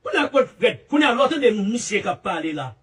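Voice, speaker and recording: A man with a Haitian Creole accent giving animated, repetitive, emphatic commentary. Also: high voice, a little fast, far from the mic. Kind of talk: casual commentary.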